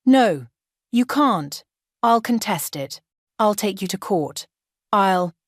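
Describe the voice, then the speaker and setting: A man's voice: sits high, expressive, takes it slowly, dry recording. A desperate grown son, pleading and panicking, his voice climbing as it breaks, read by a woman storyteller. The sound is close and dry, with no room around it. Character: desperate adult son losing his inheritance.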